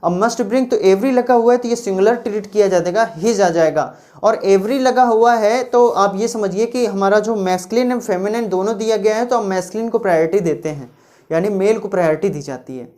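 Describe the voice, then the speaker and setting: Woman, grammar teacher, patient step-by-step explanations, deliberate reading of examples. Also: mid-range voice, dark tone. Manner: explains patiently, repeating rules and correcting examples; reads English example sentences slowly and deliberately. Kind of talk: classroom grammar lecture.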